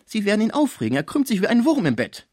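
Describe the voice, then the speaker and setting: A man's voice: high voice, huge pitch swings, fast talker, a little mellow, no echo, studio quality, voice pushed up, heavily acted. A man reading aloud and voicing a kindly, flustered older musician with a German accent, earnest and anxious.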